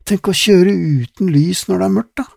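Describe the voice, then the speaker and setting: An excitable young girl from an audiobook, high and loud, with every line bursting out as an exclamation, as a man puts her on. The voice is husky and dry and sits well above the reader's own low register. The sound is close and without any room echo. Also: full character voice. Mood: excited. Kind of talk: audiobook character voice.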